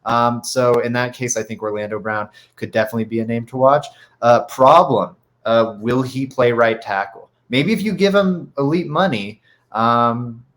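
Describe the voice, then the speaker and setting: A man's voice: mid-range voice, normal speed, a bit bright. A man with a stuffy nose co-hosting a sports podcast, rambling with lots of fillers and restarts. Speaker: podcast co-host. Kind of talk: casual sports talk.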